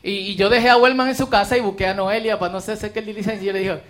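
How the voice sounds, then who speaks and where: A man's voice: sits high, fairly even intonation, rapid-fire, a bit bright. A man leading a church sharing time, inviting people up with jokey, encouraging asides. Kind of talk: casual hosting in church.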